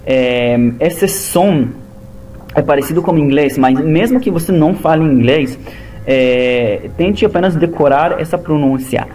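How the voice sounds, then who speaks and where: A man teaching a language lesson, explaining sounds slowly and methodically with many pauses. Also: a little high, darkish tone. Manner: slow, halting, methodical explaining. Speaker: Hebrew teacher.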